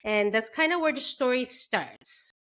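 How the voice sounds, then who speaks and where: A woman's voice: high voice, lively intonation, unhurried, fairly bright tone. A young adult woman from Canada hosting a casual book club chat, talking loosely with lots of fillers and frequent laughter. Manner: chatty, laughs often, many fillers. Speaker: book club podcast host.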